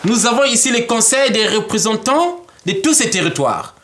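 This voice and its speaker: A man, a guest in an interview, explaining a political model in an animated way and often laughing. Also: high-pitched, normal speed. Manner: animated, acts out imagined dialogues, laughs often.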